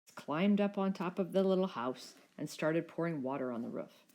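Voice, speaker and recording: This is a scripted, expressive reading of a story for young children, told at a moderate pace. The narrator is a woman whose voice is fairly low.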